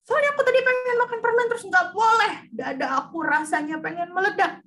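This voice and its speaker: A woman voicing an angry five-year-old child who whines loudly and complains, in a lesson given over a video call. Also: very high-pitched, quick pace, a little hiss or hum, pitched above the performer's own voice. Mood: upset. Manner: loud, whiny, childlike complaining.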